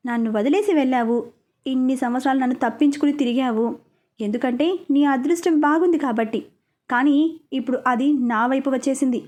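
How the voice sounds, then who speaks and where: A woman voices a sneering middle-aged male political broker in a spoken audio story. He taunts sarcastically and sounds quietly menacing, in a high, mellow voice. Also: brisk, lightly acted. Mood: harsh.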